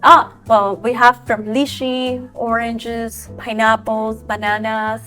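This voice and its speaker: A woman from Ecuador, talking as an entrepreneur guest in an enthusiastic, animated way. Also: on the high side, soft background music. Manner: enthusiastic, animated, quick bursts with restarts. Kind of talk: podcast interview.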